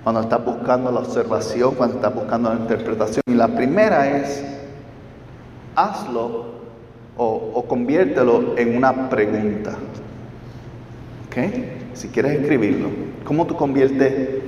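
A man's voice: mid-range voice, measured pace, long pauses, darkish tone, slight background noise. A man teaching a Bible study class, explaining step by step and checking in with his listeners through questions. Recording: roomy hall, distant mic, dull.

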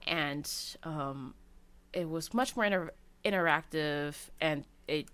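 A woman with a notably low voice talks casually about her favorite video games. She rambles, stacking fillers and restarting sentences as she goes. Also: slow, a bit bright. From Cantonese family background.

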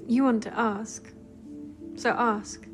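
Calm, humanlike female android for screen drama: lighter high voice, unhurried, cool, barely inflected. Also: faint music behind. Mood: cool, enigmatic. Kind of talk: television drama acting.

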